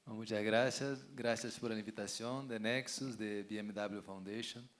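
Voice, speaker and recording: Male interview guest, Brazilian accent, native Portuguese, somewhat low pitch, hesitant Portuguese-Spanish mix. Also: fairly even intonation. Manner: halting Spanish mixed with Portuguese. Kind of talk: live stage interview.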